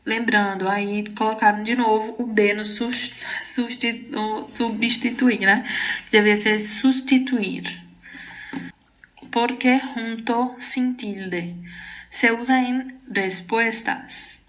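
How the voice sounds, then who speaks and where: Brazilian lady teaching spanish, slow careful reading, middle pitch, kinda muffled audio. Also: fairly even intonation, fairly bright tone. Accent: Brazilian Portuguese. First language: Portuguese. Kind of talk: online exam-prep lesson.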